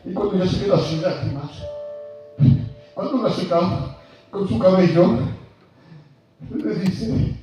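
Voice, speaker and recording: A man preaches in a fairly high voice, moving from near-shouting to a hush. His voice comes from some distance and rings through a very reverberant church hall. Faint music plays under him. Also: slow, long pauses. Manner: impassioned, swinging from loud to soft. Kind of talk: sermon. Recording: very echoey hall from far off.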